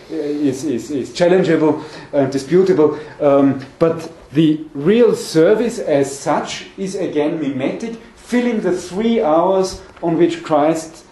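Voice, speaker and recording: A man's voice: a little high, dark tone. A man in his forties giving a scholarly seminar lecture, hesitant and often repeating words as he searches for phrasing. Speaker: academic lecturer. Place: meeting room with conference table, indoors. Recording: echoey room, mic at a distance.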